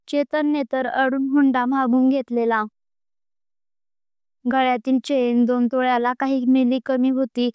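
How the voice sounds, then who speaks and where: A woman reads a romance story aloud in a steady narrating voice. Her pitch sits high and barely moves, and the sound is crisp and dry, close to the mic. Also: no echo. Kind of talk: scripted narration.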